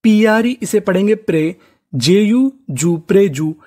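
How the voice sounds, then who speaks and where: Male tutor, young adult, warm and relaxed tone, slow patient drilling of syllables with question-and-answer repetition. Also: high-pitched. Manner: patient, repeats each syllable and asks the class to answer. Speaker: English teacher. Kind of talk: step-by-step spelling lesson.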